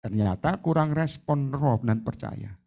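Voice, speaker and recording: A man evangelist preaching a sermon, addressing the congregation emphatically and switching between loud exclamations and hushed storytelling. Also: medium pitch, lively intonation, measured pace.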